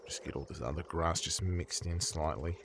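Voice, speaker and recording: A man streaming casual chat while painting, swearing freely and prone to excited outbursts. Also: low-pitched, normal speed, vocal fry, background noise.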